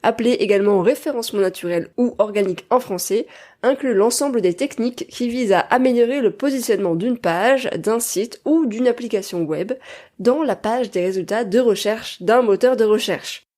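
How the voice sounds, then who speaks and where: A woman's voice: a little high, moderate pace, darkish tone. A woman hosting a podcast interview, speaking in a friendly, explanatory way with light laughs. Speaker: podcast host.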